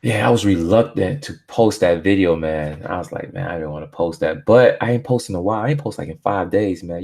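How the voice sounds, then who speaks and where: Laid-back guy from barbados rambling on a home live stream, real low voice, lots of slang n filler. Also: a little mellow.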